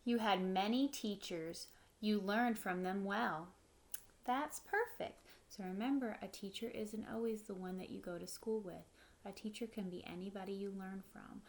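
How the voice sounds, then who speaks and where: A woman in her thirties, speaking in a mid-range voice at a moderate pace, reads a picture book aloud in her living room. She takes a teacher's role, reading expressively and breaking in with simple explanations for young listeners.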